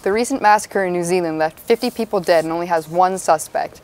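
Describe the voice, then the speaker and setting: A woman's voice: fairly low pitch, quick pace, darkish tone, slight background noise. A young woman reading scripted news as an anchor on a student mock newscast.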